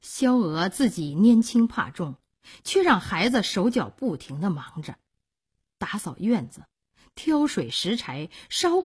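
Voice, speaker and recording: A woman performing traditional Chinese storytelling, expressive and dramatic, with a breathy, husky voice. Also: medium pitch. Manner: expressive, dramatic, with many drawn-out pauses.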